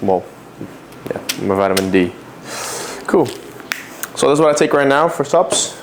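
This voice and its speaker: A man's voice: mid-range voice, expressive, normal speed, background noise. A man talking casually to camera as a fitness vlogger at home, rambling with fillers and self-corrections. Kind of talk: casual vlog chat.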